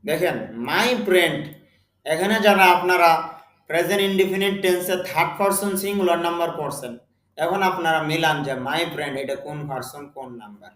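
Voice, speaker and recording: Here the Bengali-accented teacher's voice is a little high and a bit bright, with reverberation around it. He leads a spoken English lesson at a slow, deliberate pace and repeats words for his students.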